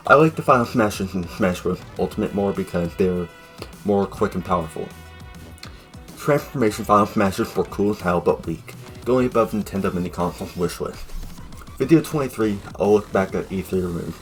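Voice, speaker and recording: Young male fan reviewer, low voice, rambling jokey delivery, faint music underneath. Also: normal speed. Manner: jokey, rambling, sudden loud outbursts. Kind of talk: casual video review narration.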